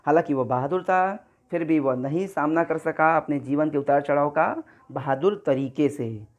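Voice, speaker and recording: A male teacher runs an exam-prep grammar lesson, walking through each question step by step and often calling his viewers friends. His voice is fairly high and his pace moderate.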